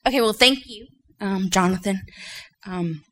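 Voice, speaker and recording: A woman's voice: mid-range voice, unhurried, sharp tone. A woman from Louisiana giving an informal personal testimony to a group, hesitant and often searching for her words. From Louisiana, United States. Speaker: church member giving testimony.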